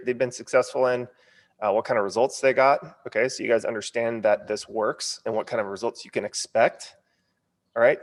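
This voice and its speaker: A man's voice: mid-range voice, long reverb tail. An American man coaching a casual sales webinar, punchy and informal, stumbling a little over his words as if his lip is numb from the dentist. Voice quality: stumbling, numb-lipped speech from a partly numb lip. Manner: informal, punchy, frequent check-in tags. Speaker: online course coach.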